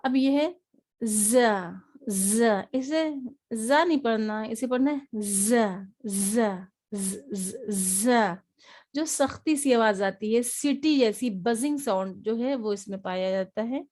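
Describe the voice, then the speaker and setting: A woman teaching an online Quran reading lesson. She patiently repeats each letter sound slowly for her learners. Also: fairly high pitch, a little mellow.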